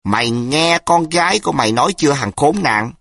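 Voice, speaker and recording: A man's voice: a little high, expressive, brisk, vocal fry, fairly bright tone, no room sound, clean studio sound, pitched above the performer's own voice, heavily acted. A man voicing a menacing, brutal tough man who snarls threats. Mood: threatening.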